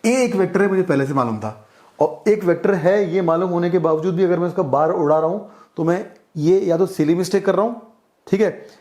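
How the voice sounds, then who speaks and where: A man's voice: sits high, a little fast, darkish tone. A man with an Indian accent teaching a physics lesson, explaining step by step and checking in with his students often. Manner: explains step by step, mixing English terms into Hindi, checks in often. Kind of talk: classroom-style lecture.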